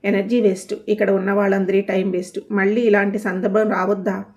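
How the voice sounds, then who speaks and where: A woman voicing a poised young married woman who answers calmly, politely and with teasing wit. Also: mid-range voice, fairly quick, lightly acted. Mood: calm, sarcastic.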